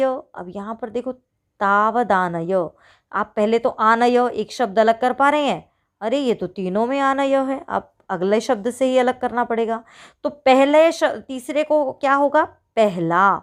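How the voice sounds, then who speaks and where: A woman teacher going through a worksheet for her pupils, asking questions and answering them herself, and reading each example out slowly. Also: fairly high pitch. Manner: talks to pupils as children, asks and answers her own questions. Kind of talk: online worksheet walkthrough.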